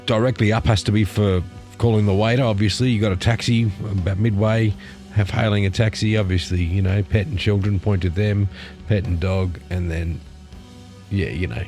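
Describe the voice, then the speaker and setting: A man's voice: fairly low pitch, a little mellow. A man hosting an informal news commentary on memes, rambling along in a casual, sardonic way. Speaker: host of a satirical news commentary channel. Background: music.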